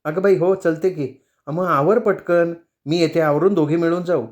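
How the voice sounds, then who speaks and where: A man's voice: fairly high pitch, steady tone, normal speed, a little mellow, pitched above the performer's own voice, natural voice. A man reading as Suman, a bold middle-aged woman. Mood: brisk.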